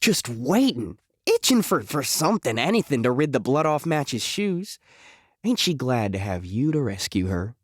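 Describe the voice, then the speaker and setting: Playing a volatile, jittery, wisecracking locksmith outlaw in a western audio drama, this actor speaks in a sardonic, folksy ramble. His mid-range voice is very animated at a moderate pace, and he sounds teasing. The sound is clean studio quality with no echo.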